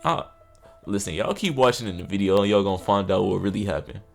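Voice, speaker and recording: A man delivers comedic commentary in casual slang, speaking directly to his viewers. His voice sits on the lower side. Faint music plays quietly behind him. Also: fast, vocal fry. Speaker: commentary YouTuber.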